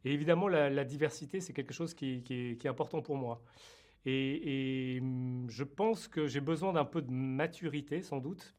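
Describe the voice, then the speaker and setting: A man's voice: medium pitch, a little mellow. A French-born man who created a TV series, answering interview questions hesitantly with many fillers and restarts. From France.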